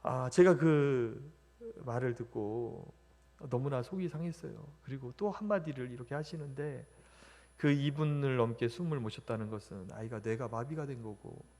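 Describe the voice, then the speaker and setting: A middle-aged man giving a church testimony, telling a story with big swings between hushed and loud. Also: mid-range voice, moderate pace. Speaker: radio station branch director giving testimony.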